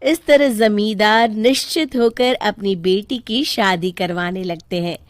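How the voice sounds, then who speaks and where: A woman's voice: mid-range voice, measured pace, dry recording, studio quality. A woman narrating a scripted story as its storyteller.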